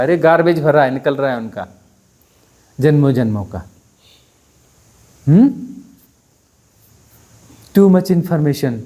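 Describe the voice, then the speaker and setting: A spiritual teacher giving a satsang discourse, talking conversationally and bluntly, often pausing to ask his listeners for agreement. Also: on the high side, dark tone. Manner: conversational, keeps asking "है ना?" for assent; blunt and dismissive, mocking.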